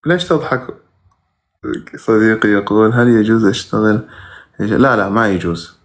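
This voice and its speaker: A man's voice: on the low side, normal speed. A man who teaches religion, reading viewers' questions aloud during a live stream and giving brief, plain answers with sudden emphatic rises.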